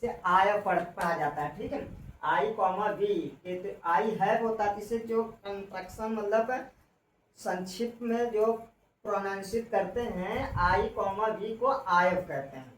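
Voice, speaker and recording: Lady teaching english contractions, spells letters slow, echoey room, kinda far from the mic. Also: medium pitch, slight background noise. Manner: explains slowly, spells out letters, repeats "ठीक है". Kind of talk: classroom lesson on English contractions.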